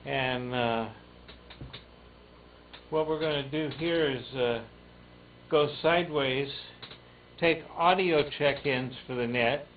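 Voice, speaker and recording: A man hosting an amateur radio net check-in, speaking haltingly with many fillers over tinny radio audio with faint static. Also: medium pitch, distant mic. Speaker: net control host of a ham radio net.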